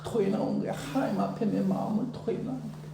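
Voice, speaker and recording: A man's voice: high voice, steady tone, fast talker, gravelly, reverberant, noisy background, pitched above the performer's own voice. A man voicing a distressed woman who earnestly pleads that she is not drunk but pouring out her heart. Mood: pleading.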